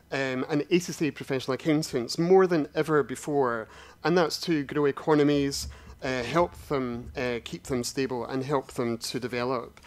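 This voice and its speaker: A man giving a formal, self-deprecating conference presentation in a hall. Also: mid-range voice. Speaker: conference speaker, strategy director.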